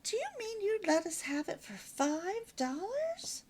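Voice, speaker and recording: A woman's voice: extremely high pitch, very animated, measured pace, a little mellow, voice pushed up, full character voice. A woman voicing a patient mother of three who grows exasperated with her noisy children, in a storybook reading. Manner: exasperated, coaxing.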